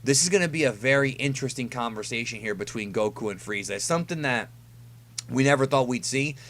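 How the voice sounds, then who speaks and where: A man's voice: medium pitch, animated, fast, fairly bright tone, a little hiss or hum. A man hosting casual fan commentary on an anime episode preview, talking conversationally and stressing key words. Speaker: YouTube host reviewing an anime episode preview.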